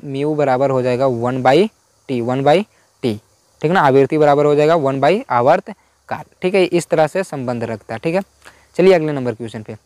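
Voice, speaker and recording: Going through homework answers in a school physics lesson, a man with a voice on the high side speaks informal Hindi, with no room sound. He keeps repeating the key points and asks himself questions, then answers them.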